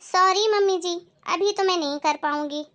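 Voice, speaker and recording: A level-headed young daughter-in-law, as a woman acts her out, calm and firm as she reasons and stands her ground. Her voice is high and bright, and her lines are steady. It comes across as a moral-story drama. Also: normal speed.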